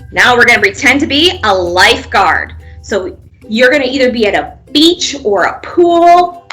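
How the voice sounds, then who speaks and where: A woman with a fairly high, sharp voice directs young children in pretend play at a children's museum. She keeps her cues simple and encouraging, one step at a time, and adds playful sound effects.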